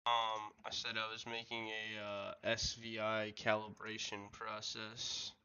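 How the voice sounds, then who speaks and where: Low gravelly man, mumbling on a dull mic. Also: completely flat delivery, measured pace, sharp tone. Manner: mumbling, talks low and trails off. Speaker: trader streaming his screen. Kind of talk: casual livestream chat. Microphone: old desk mic that cuts out.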